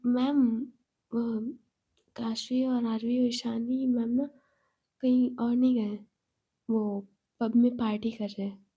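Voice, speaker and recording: A woman's voice: on the high side, little pitch movement, slow pace, long pauses, dark tone, slightly rough. A woman voicing an eager young female employee who reports politely and eagerly.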